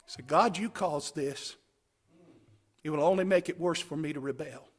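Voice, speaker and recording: With emphatic drama, a man preaches at a camp meeting, shifting between quiet phrases and loud cries and hammering home short repeated lines. He speaks fast in a voice on the high side.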